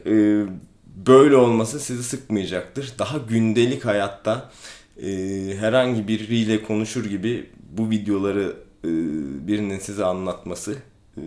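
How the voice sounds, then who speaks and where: A man talks calmly to the camera, explaining at an easy pace. He pauses often with hesitant fillers. The sound is roomy, with echo from the space around him. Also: on the low side. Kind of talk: casual explanatory vlog. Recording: echoey room.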